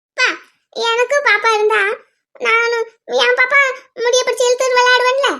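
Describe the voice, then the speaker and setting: A woman's voice: very high voice, fairly even intonation, moderate pace, pushed and bright, full character voice. A woman doing a whiny small cartoon boy. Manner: childish pleading.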